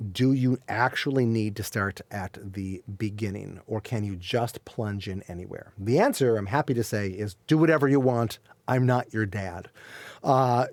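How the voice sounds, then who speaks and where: A man at a middle pitch presents a science course in a loose, talky way. He jokes, corrects himself and wanders off topic. His voice sounds dry and close, with no room echo. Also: a little mellow. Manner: rambling, self-correcting, joking, laughs often. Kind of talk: casual screen-share walkthrough.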